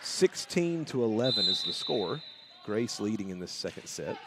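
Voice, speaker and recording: A man doing play-by-play commentary for a school volleyball match, rising to shouts on big plays. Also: fairly low pitch, very animated, normal speed, heavy background noise. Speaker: play-by-play announcer. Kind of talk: sports commentary.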